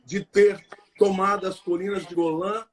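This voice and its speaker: A man's voice: high-pitched, fairly even intonation, normal speed. A man in his sixties, a guest pastor, chiming in with historical corrections and agreement during a live chat. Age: 60s. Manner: chimes in with corrections and affirmations. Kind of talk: conversational chat in a live stream. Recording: faint background noise.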